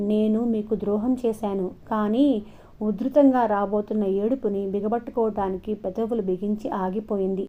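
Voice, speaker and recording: A woman narrating an audio novel in a measured, even storytelling manner. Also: medium pitch. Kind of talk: scripted narration. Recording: dull lo-fi recording.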